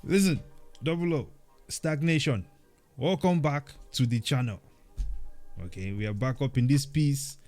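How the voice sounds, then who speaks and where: Mellow-voiced man talking animatedly. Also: medium pitch, measured pace, long pauses, soft background music. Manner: animated, preachy, frequent "man" and "okay". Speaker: podcast co-host. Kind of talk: casual chat.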